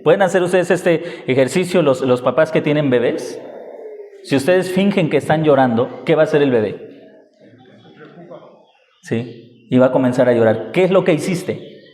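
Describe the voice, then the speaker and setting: A man's voice: on the high side, darkish tone. A man preaching a sermon as pastor, asking the congregation rhetorical questions and acting out the lines of parents. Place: church hall. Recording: echoey church hall.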